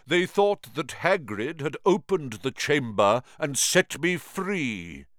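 Aragog, a man voicing a croaking ancient spider. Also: fairly high pitch, sing-song, a bit bright, no echo, clean studio sound, voice pushed up, exaggerated voice. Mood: fretful. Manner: slow, solemn, clicking menace. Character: ancient giant male spider, grave and fretful.

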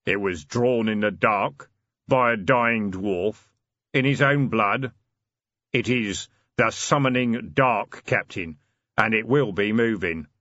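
A man doing a deep, grave hooded stranger. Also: a bit bright, no echo, dull audio. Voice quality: deep, measured and solemn. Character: hooded broad male stranger, grave and mysterious.

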